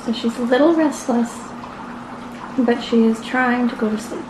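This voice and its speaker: A woman's voice: a little high, moderate pace. Young mother vlogging with background noise. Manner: matter-of-fact, counts minutes and times. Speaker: vlogger parent. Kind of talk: casual vlog narration. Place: home.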